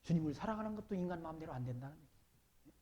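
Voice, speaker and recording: A male pastor preaching a sermon. He reads scripture slowly and forcefully, asks the congregation questions, and moves between loud declaiming and quiet asides. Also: on the high side, animated, muffled recording.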